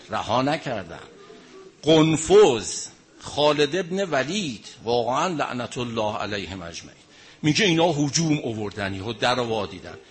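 A man's voice: medium pitch, a bit bright. A man preaching, telling a mournful story in emotional, lamenting narration.

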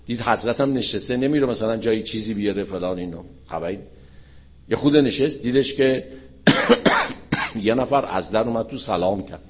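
A man preaching in a storytelling sermon, animated and acting out the people in his story. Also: lowish voice, husky.

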